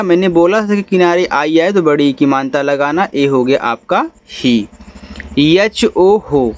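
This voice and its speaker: A man teaching English spelling at a slow, careful pace. His voice sits a little high, and he names each letter before sounding out the syllable it makes, like a patient tutor walking students through a lesson. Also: no room sound. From India.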